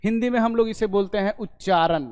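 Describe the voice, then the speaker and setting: A man teaching a basic language class in a video lesson. He explains slowly, drawing out sounds and checking in after each point. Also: high voice, a little mellow, clean tone. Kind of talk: online class lecture. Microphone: recorded for a video lesson.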